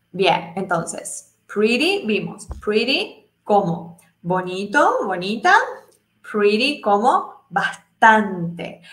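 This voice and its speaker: A woman teaching English in a live class, explaining step by step, checking in with her students constantly and voicing the example sentences higher. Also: a bit bright, roomy sound. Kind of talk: live online English lesson.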